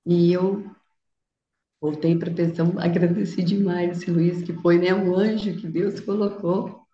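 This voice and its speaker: A woman's voice: lowish voice, steady tone, a little slow, dark tone, roomy sound, lo-fi sound, slight background noise. A woman from Brazil, a guest speaker vividly telling a personal story and acting out the dialogue.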